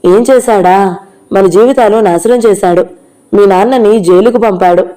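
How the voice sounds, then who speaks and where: A woman's voice: mid-range voice, moderate pace, warm tone, close to an everyday voice, low-quality recording. A woman reading the part of an angry, grieving middle-aged mother who lashes out bitterly through tears, in an audio novel. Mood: bitter, accusing. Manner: bitter, accusing, tearful.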